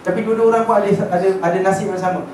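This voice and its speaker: Man, religious teacher, high voice, chatty storytelling lecture, echoey hall, distant mic, faint background noise. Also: steady tone, very fast, a little mellow. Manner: chatty, checks in with listeners, mixes in English words.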